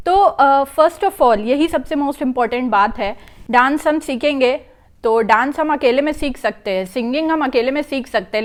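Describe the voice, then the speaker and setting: A young woman from India giving English-speaking tips in a chatty vlog, slipping English phrases into her talk. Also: sits high. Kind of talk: casual explanatory talk to camera.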